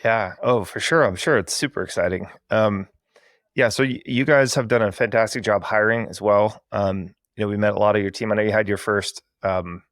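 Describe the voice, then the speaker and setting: A man's voice: lowish voice, steady tone, a little fast, a bit bright, no room sound, clean studio sound. A man hosting an interview podcast, chatting enthusiastically and heaping praise on his guest in a casual, effusive way. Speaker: podcast host.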